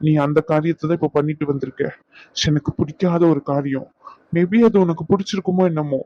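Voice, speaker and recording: A man's voice: on the high side, fairly even intonation, a little fast, no room sound, natural voice. A man voicing a wounded, stubborn young husband in a Tamil audio drama, lecturing his wife in a stern tone. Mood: hurt. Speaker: husband Raghu, hurt and stern. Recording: dull, lo-fi dry recording.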